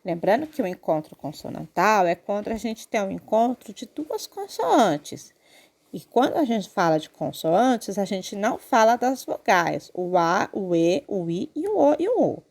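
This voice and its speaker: A woman's voice: mid-range voice, animated, normal speed, vocal fry, few pauses, darkish tone. A woman teacher with a Brazilian accent, patiently explaining a grammar lesson to children and checking in often. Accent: Brazilian Portuguese. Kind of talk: online Portuguese lesson for children.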